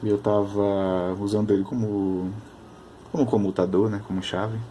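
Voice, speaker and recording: A man chatting casually at his workbench, explaining technical details while thinking aloud, often pausing and restarting. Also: on the low side, little pitch movement, mellow, slight background noise. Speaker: electronics hobbyist.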